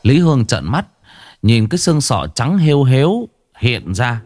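A man's voice: mid-range voice, very animated, moderate pace, darkish tone. A man narrating a ghost story with dramatic, rising and falling delivery.

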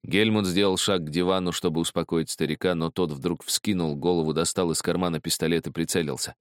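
Deep-voiced male audiobook narrator. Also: steady tone, fairly quick, clean tone, dry recording, clean studio sound.

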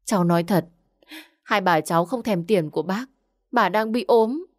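A woman's voice: medium pitch, moderate pace, dry recording, clean studio sound, close to an everyday voice. A woman voicing a poor young village girl who speaks politely and pleads. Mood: pleading.

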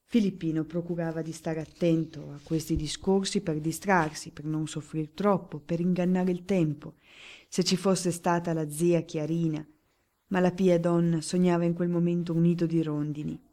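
A woman narrating a classic novel for an audiobook, reading in a measured, expressive way. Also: lowish voice.

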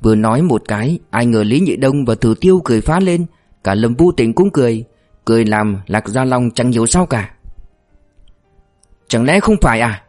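A man narrating a novel as an audiobook in a steady storytelling way. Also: medium pitch, a little fast. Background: faint music.

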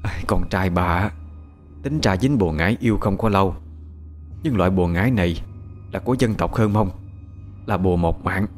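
A man voicing a stern older woman who works as a village sorceress, speaking gravely and with authority. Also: deep voice, moderate pace, long pauses, faint music behind, close to an everyday voice. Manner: grave, commanding.

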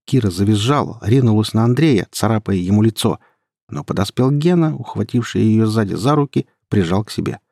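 A young man narrating a first-person story in a measured, low-key way. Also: lively intonation, creaky, mellow, no echo, studio quality. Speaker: audiobook narrator.

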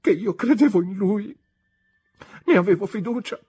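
A woman reading an audiobook, voicing a gentle young woman who pleads softly and tearfully. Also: medium pitch, lively intonation, extremely slow, slightly rough, pitched above the performer's own voice, exaggerated voice. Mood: pleading.

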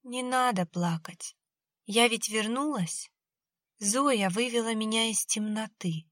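A woman's voice: a little high, lively intonation, takes it slowly, sharp tone, dry recording, studio quality, voice pushed up, heavily acted. Woman doing a dreamy little girl in a trance. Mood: weak, tender.

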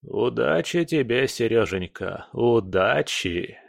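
A man voicing an old, scheming male crime boss with a creaky, syrupy, falsely affectionate voice on the phone. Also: medium pitch, expressive, takes it slowly, no echo, studio quality. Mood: fawning.

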